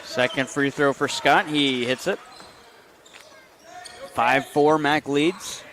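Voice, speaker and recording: A man giving brisk basketball play-by-play commentary in short bursts, calling each play as it happens. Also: fairly high pitch, fairly bright tone, a little hiss or hum. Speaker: play-by-play announcer.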